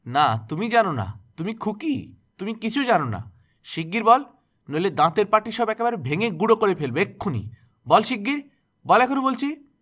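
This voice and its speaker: A man's voice: high-pitched, big pitch swings, a little fast, pitched above the performer's own voice. A man voicing a harsh, domineering older village woman who scolds and threatens. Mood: scolding.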